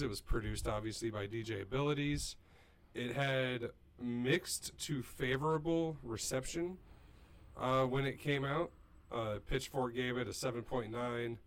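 A man co-hosting a podcast, explaining music casually in an enthusiastic, rambling way. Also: medium pitch. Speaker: podcast co-host.

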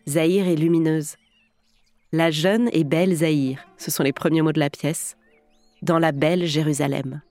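A woman's voice: low voice, steady tone, normal speed, mellow, no room sound. A woman hosting a podcast, narrating a scripted story in a theatrical storyteller's way. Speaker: podcast host and actress. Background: music.

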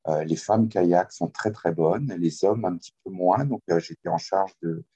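A man's voice: low voice, moderate pace, mellow, breathy edge. A middle-aged man from France with a French accent lightly tinged by Quebec, a kayak coach speaking hesitantly with many fillers in a remote interview. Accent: French with a slight Quebec tinge. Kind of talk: remote interview, casual conversation. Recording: muffled video call audio.

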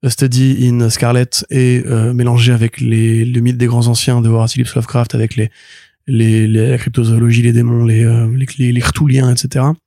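A man's voice: medium pitch, flat delivery, moderate pace, mellow, no echo, studio quality. A man co-hosting a casual comics podcast, rambling with fillers and restarts, talking enthusiastically. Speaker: podcast co-host. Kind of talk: casual chat reviewing comics.

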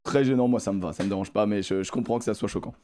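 A man hosting a casual sports talk show, arguing refereeing calls in an animated way and swearing freely. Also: fairly low pitch, rapid-fire. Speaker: podcast host.

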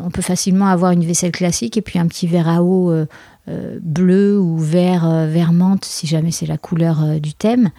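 A woman who plans weddings, giving casual advice in a chatty way with many small pauses and asides. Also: fairly low pitch, warm tone, no echo. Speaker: wedding planner. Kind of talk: casual podcast talk.

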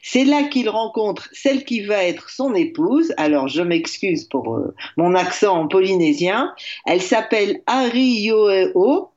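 A woman columnist telling a lively history chronicle on the radio, with frequent hesitations. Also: medium pitch, unhurried, lo-fi sound. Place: remote line from abroad.

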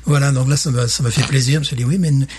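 A man's voice: mid-range voice, fairly even intonation, racing, slightly rough. A man with a Parisian French accent chatting casually as co-host of a beer tasting podcast, enthusiastic and often repeating himself.

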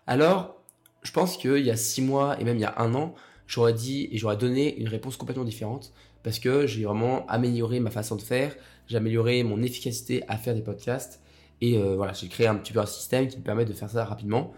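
A young man with a cold-roughened voice hosting a casual solo podcast, rambling with many fillers and restarts. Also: mid-range voice, steady tone, fairly quick, darkish tone. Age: young adult. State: hoarse from a cold. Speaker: podcast host.

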